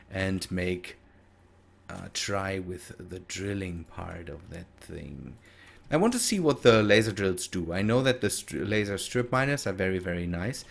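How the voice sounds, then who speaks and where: A deep male voice with vocal fry provides casual gameplay commentary for a gaming video. The German-accented speaker, whose native tongue is German, sounds hesitant, thinking aloud and correcting himself.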